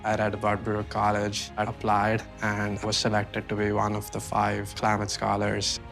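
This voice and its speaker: A young man from India speaks in a low, very flat voice with a gravelly edge. He sounds quiet and earnest, with faint music behind him. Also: normal speed. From Mumbai, India. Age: young adult. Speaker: student in a college video. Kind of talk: interview testimonial.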